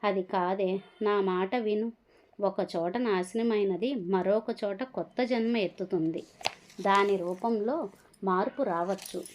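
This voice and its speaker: A woman's voice: medium pitch, lightly acted. Woman voicing a grieving old grandfather. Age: older. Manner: anguished cries to God, gentle consoling. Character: grieving old Brahmin grandfather, calm and wise. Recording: dull lo-fi recording.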